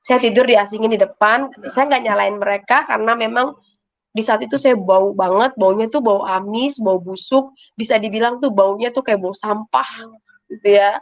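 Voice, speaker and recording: A woman gives a personal faith testimony. Her voice sits fairly high, and she tells her story with emotion, circling back and repeating herself. The sound is muffled and lo-fi. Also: normal speed. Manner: emotional, colloquial, repetitive storytelling. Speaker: testimony giver.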